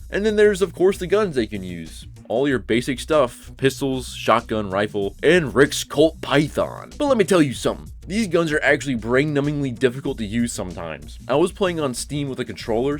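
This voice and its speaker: Sarcastic young male game reviewer. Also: medium pitch. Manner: sarcastic, blunt, swears. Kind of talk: casual video game commentary.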